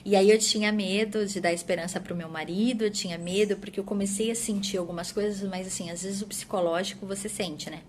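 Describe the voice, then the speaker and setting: A woman telling her story as a mother in an earnest personal testimony, often tagging her phrases and trailing off softly at their ends. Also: mid-range voice, steady tone, brisk, few pauses, a little hiss or hum. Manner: earnest, tag questions, drops softer at phrase ends. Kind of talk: personal testimony answering questions.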